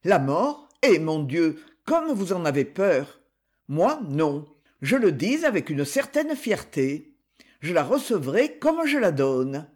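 A blunt, proud hunter stuck in his sickbed, vehement and defiant, as a man reads him aloud. The voice sits high and swings widely in pitch, unhurried and slightly husky. It is an audiobook reading. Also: very animated, darkish tone, heavily acted.

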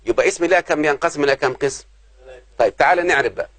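A man's voice: a little high, very fast, a bit bright, no echo. A man with an Egyptian accent teaching Arabic grammar to a class, often stopping to ask the students whether they understand. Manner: keeps checking if students understand.

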